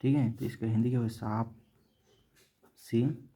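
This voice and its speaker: A man teaching Sanskrit grammar in a classroom-style lesson, repeating each word slowly and asking and answering his own questions. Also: mid-range voice, fairly even intonation, mellow. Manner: says "theek hai" after nearly every point.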